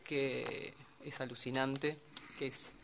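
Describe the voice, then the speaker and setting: A woman's voice: very deep voice, flat delivery, slow, creaky, a bit bright, a little hiss or hum. A woman, a singer in a vocal group, chatty and joking in an interview. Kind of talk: interview answers.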